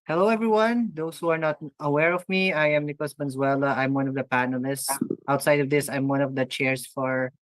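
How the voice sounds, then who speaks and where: A man chairing and moderating an online debate over a video call, talking in halting, restarted sentences. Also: a little high, steady tone, dry recording.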